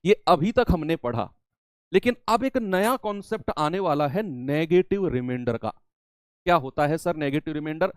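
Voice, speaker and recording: A man's voice: a little high, lively intonation, moderate pace, smooth, dry recording, studio quality. A man teaching a maths lesson, explaining step by step and repeating the key terms, sometimes answering in his students' voice. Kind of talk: classroom maths lecture.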